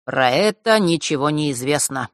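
A woman's voice: sits low, animated, moderate pace, no room sound. A woman reading a wry, sly teenage boy with dry humor in an audiobook, close to her own voice. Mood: rueful. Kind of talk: audiobook character voice.

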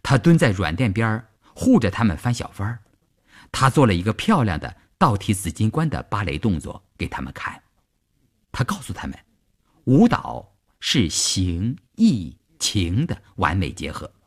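Highly expressive male storyteller. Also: moderate pace, husky. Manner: expressive, dramatic reading. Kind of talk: storybook narration.

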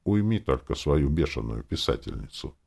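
Male reader as chatty wheedling entertainer man, exclamatory, lively pitch. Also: moderate pace, creaky, full character voice. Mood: fussy. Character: fussy chatty male showman host, wheedling.

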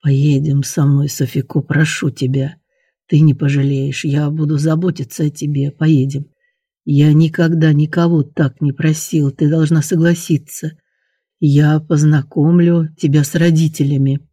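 A man playing a slow, domineering young nobleman. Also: on the high side, little pitch movement, mellow, no echo, studio quality, lightly acted. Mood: coaxing.

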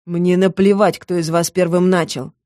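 A woman voicing a stern, commanding male leader who speaks slowly and gruffly. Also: on the low side, little pitch movement, darkish tone, no echo, studio quality, natural voice. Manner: gruff, slow, authoritative.

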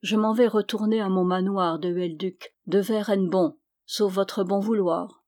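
A woman's voice: medium pitch, fairly even intonation, measured pace, a little mellow, lightly acted. A woman reading the lines of an embarrassed medieval man-at-arms, polite and hesitant.

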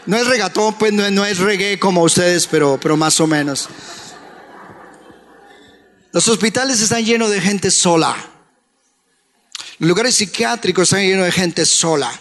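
A pastor preaches in a fervent sermon style, rising into shouts and half-sung phrases. His voice sits high and carries a gravelly rasp. The live church recording rings with long reverb. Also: normal speed, pauses often. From Colombia. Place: church hall.

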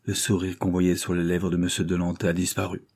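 A man narrating a classic novel as an audiobook in a steady, literary manner, close to the mic. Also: low voice, brisk, breathy edge, no room sound.

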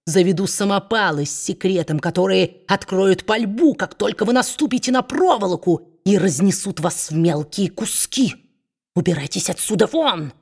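A woman reading aloud, voicing a spiteful, domineering male dwarf who mocks and shouts at his wife. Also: mid-range voice, lively intonation, normal speed, husky. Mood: bellowing. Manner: sneering, bullying, shouting.

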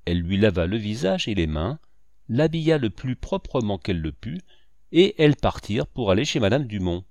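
A man's voice: fairly low pitch, normal speed, no echo. A man reading a children's story aloud in a scripted narration style. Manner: lively, expressive reading. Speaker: audiobook reader.

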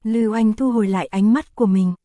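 A woman narrating an audiobook in a steady, even storytelling manner. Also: medium pitch, fast, no echo, clean studio sound. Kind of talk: scripted narration.

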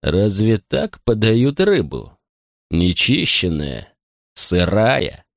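A man voicing a sinister drunken butler who speaks very slowly, quietly and deliberately in a low voice. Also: sing-song, vocal fry, no echo, studio quality, full character voice. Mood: menacing. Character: sinister drunken male butler, slow and menacing.

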